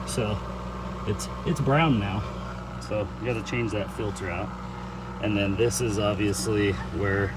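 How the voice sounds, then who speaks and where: Low-voiced man, casual walkthrough over loud noise. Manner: offhand, unscripted explaining. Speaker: DIY hobbyist showing a home-built setup.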